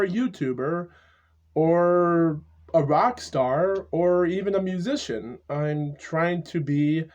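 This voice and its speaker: A man in his twenties talking to the camera in a casual vlog monologue, halting and repetitive, stuttering often. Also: a little high, a little mellow, lo-fi sound. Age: 20s. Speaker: YouTuber. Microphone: camera mic.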